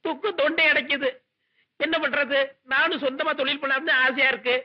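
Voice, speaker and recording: Hapless proud barber, very high voice, muffled vintage audio. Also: male voice, steady tone. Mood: cheeky. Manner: quick, cheeky. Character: cheeky young village barber, proud, hapless. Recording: dull old film soundtrack.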